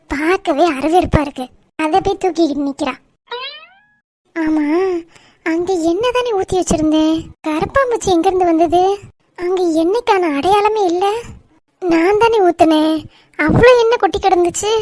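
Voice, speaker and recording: A woman voicing a scheming, bossy middle-aged village aunt in a cartoon, scolding sharply and turning shrill when frightened. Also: a little mellow, no echo. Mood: puzzled muttering. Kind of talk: cartoon voice acting.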